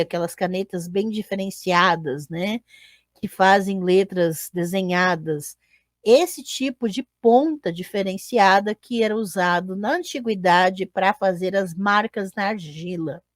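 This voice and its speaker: A woman gives a live online lecture at an unhurried pace. She explains patiently, corrects herself and keeps checking that her listeners are following. Her voice sounds dry and close, with no room echo. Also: medium pitch. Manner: explanatory, with frequent checking tags and self-corrections. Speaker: teacher and podcast host.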